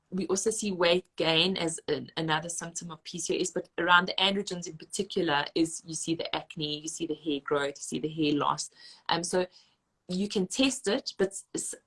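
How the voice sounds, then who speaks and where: A woman, a registered dietitian explaining nutrition and hormones in fast, emphatic conversation with frequent restarts. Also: deep voice, fairly bright tone, husky.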